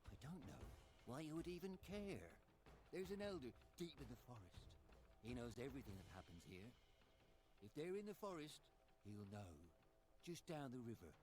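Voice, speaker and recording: A man's voice: mid-range voice, sing-song, darkish tone, soft background music, lightly acted. A man voicing a nervous, sneaky male forest creature in a game story. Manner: nervous, fast talking.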